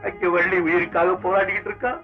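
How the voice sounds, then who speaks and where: A man's voice: high voice, little pitch movement, quick pace, close to an everyday voice. A middle-aged actor playing a grieving father who begs to be let in to see his wife. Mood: pleading. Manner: pleading, anguished. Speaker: long-lost father. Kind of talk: classic film melodrama. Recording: dull old film soundtrack, faint music.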